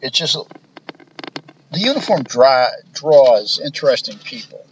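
Wry, profane ex-cop telling stories. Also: male voice, mid-range voice, a little slow. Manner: profane, wry, deadpan storytelling with quoted dialogue. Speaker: retired police officer telling stories. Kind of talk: casual storytelling. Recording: dull lo-fi podcast recording, faint hiss.

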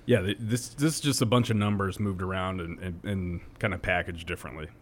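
A man co-hosting a casual sports talk show, speaking haltingly with many fillers and restarts. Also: sits low, fairly even intonation. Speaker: co-host.

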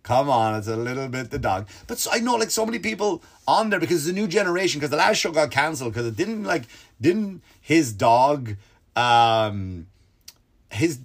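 A man hosting a comedy podcast, ranting animatedly and swearing, with his voice jumping up when he gets worked up. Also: breathy edge. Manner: animated, swearing, pitch leaps when excited. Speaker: podcast host. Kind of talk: comedic storytelling rant.

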